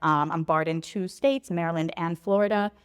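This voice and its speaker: A woman in her thirties, a travel blogger raised in Philadelphia and born in Puerto Rico, telling her story in a clear, articulate podcast interview. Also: on the low side, steady tone, normal speed, long reverb tail.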